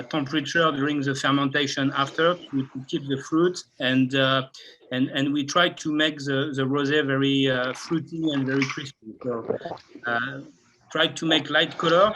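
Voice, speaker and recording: Bright-voiced French man, halting English. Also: medium pitch, a little hiss or hum, rough recording. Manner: halting, searching for English words. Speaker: winemaker. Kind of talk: online tasting talk.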